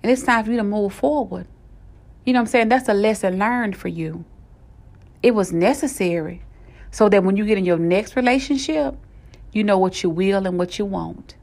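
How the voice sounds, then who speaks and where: Woman preacher with a gravelly edge, earnest and conversational, mid-range voice. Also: mid-range voice, normal speed, darkish tone. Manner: earnest, conversational, addresses listeners as y'all. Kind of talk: motivational sermon.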